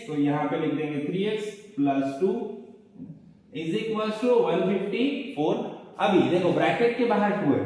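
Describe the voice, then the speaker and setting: Echoey, high-voiced male maths teacher. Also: darkish tone, distant mic. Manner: repetitive, coaxing, asks and answers his own questions. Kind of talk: board lesson explaining step by step. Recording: echoey room, voice from off-mic.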